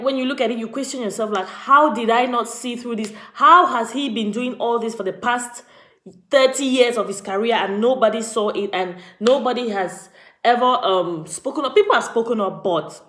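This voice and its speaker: A woman's voice: on the high side, moderate pace, a bit bright, roomy sound. A woman from Cameroon, chatting on a live vlog stream and greeting viewers by name. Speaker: vlogger. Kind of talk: casual live-stream commentary.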